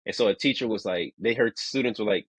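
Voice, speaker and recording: A man's voice: lowish voice, quick pace, a bit bright, slightly rough, no room sound, rough recording. A man in his thirties co-hosting a podcast, rambling casually with lots of "like" and restarts. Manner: rambling, heavy use of "like", restarts. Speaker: podcast co-host. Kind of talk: casual chat.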